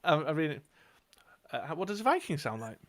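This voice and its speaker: A man's voice: a little high, big pitch swings, normal speed. Chatty man explaining a card game. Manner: chatty, many fillers, reads out card text. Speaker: co-host of a dice game stream. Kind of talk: casual chat explaining his game team. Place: indoors at a gaming table.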